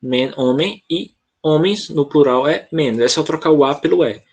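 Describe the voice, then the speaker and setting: A man's voice: fairly high pitch, moderate pace, a little mellow, slightly rough. A Brazilian man teaching an online English class, explaining patiently and often checking in with the students.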